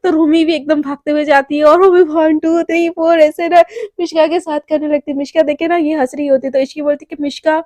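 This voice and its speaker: Woman storyteller, high voice, chatty narration, dry close sound. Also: a little fast, dry recording. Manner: excited, chatty retelling.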